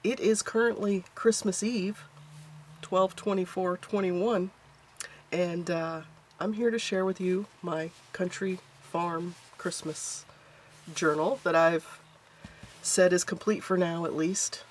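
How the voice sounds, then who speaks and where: A woman's voice: on the low side, steady tone, slow pace, a little hiss or hum. Congested, chatty woman crafter. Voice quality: nasal. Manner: chatty and homey, with frequent "um" and "so". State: stuffed up, congested nose. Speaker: craft channel host. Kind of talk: casual craft journal flip-through. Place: home craft room.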